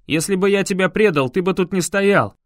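Bitter, desperate young male cousin, loud and accusing, read by a male narrator. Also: sits high, very slow, no room sound, clean studio sound, heavily acted.

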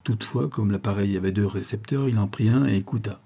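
A man narrating a detective novel as an audiobook, in a measured, even storytelling manner. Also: lowish voice, gravelly, breathy edge. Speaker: audiobook reader.

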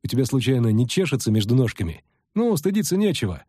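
A man voicing a leering young male bandit who teases and sneers, with a husky voice. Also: medium pitch, sing-song, fast, dark tone, no echo, studio quality. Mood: mocking. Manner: sneering, teasing.

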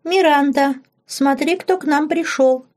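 Little girl spirit, thin childish voice, high, giggly, audiobook. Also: a little slow, darkish tone. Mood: playful, giggly. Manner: giggly, pleading. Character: childlike girl spirit living inside an old witch.

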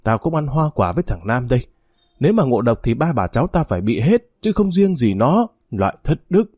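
A man's voice: mid-range voice, very animated, a little fast, a little mellow, husky, no room sound. Guy playing a fierce old granny who curses and scolds, dry close mic. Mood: furious scolding. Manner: scolding, cursing. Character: furious old grandmother, sharp-tongued and loud.

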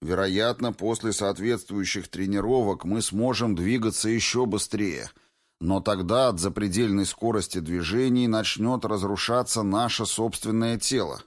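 A man's voice: fairly low pitch, moderate pace, close to an everyday voice. A man voicing a stern male commander in an audiobook, curt and commanding.

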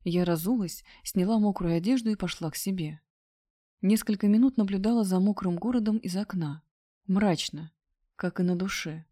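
A woman narrating a first-person story in a steady, subdued reading voice. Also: mid-range voice, moderate pace. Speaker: audiobook narrator.

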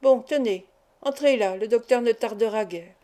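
A woman's voice: fairly high pitch, moderate pace, mellow, lightly acted. A woman reading the lines of a young male hospital intern who asks brusque, probing questions.

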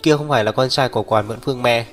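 A man voicing a blunt, teasing middle-aged mother in a brisk, scolding manner. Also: medium pitch, fairly bright tone, close to an everyday voice. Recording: long reverb, faint background music.

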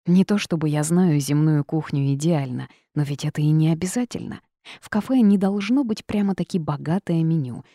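A woman narrating an audiobook in the first person, her voice low and mellow. She tells the story in a lively, wry way, recorded close and dry. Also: moderate pace, dry recording.

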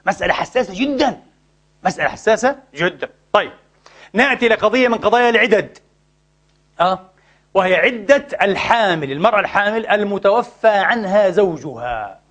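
Male religious law teacher, high voice, quick delivery, quizzes the room. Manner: animated, asks the audience to finish his sentences. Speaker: Islamic jurisprudence teacher. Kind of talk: lecture with call-and-response questions.

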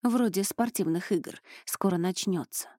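A woman reading an audiobook, voicing a timid young man who speaks quietly and nervously. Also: lowish voice, unhurried, dry recording, clean studio sound. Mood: uneasy. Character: timid young male friend.

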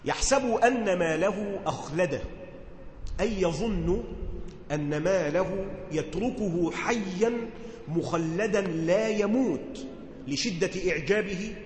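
High-voiced Egyptian man teaching in an echoey hall. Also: a little hiss or hum. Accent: Egyptian Arabic. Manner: conversational, asks listeners questions to check understanding. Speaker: teacher explaining Quran commentary. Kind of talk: religious lesson, reading text then explaining in dialect.

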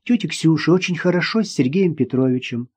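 A gentle young mother who talks to her daughter in a soft, patient tone, as a man reads her aloud. Her voice sits a touch high and stays calm and reassuring. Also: brisk, slightly rough, dry recording. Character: young woman teacher, gentle worried mother.

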